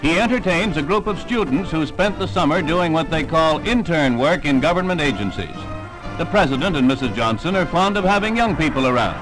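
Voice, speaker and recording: A man's voice: fairly high pitch, animated, a little fast, rough recording. Man narrating an old 1960s newsreel. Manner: formal announcer delivery. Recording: old newsreel voice-over with loud music behind. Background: music.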